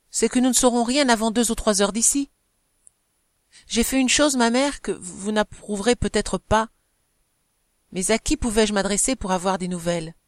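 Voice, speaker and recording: A woman's voice: medium pitch, dry recording, clean studio sound, natural voice. Woman voicing a feverish young wife. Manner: anguished, quick and feverish.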